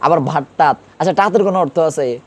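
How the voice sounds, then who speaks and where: A male Urdu grammar teacher talks fast in a darkish-toned, high-leaning voice, repeatedly questioning his students during a classroom lesson.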